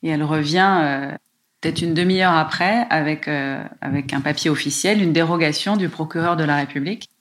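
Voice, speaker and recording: A woman from France telling a personal story in a lively, emotional way, with many small hesitations. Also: deep voice, fairly quick. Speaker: guest telling her life story.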